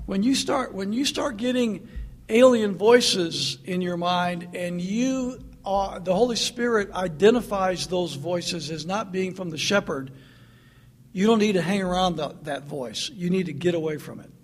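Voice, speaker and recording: A man's voice: sits high, unhurried. A man preaching a sermon in an earnest, emphatic way, repeating his points.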